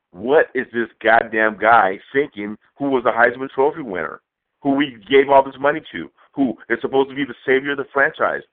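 Angry man ranting as a phone-in caller. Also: medium pitch. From Southern California. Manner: angry profane rant. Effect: call-in phone line. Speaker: radio show caller. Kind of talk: ranting call-in message. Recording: tinny phone line.

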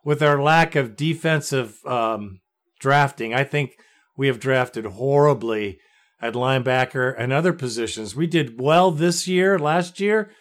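A man's voice: medium pitch, a little slow, fairly bright tone. An American man hosting a sports fan podcast, talking in a blunt, exasperated, slangy way. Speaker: podcast host.

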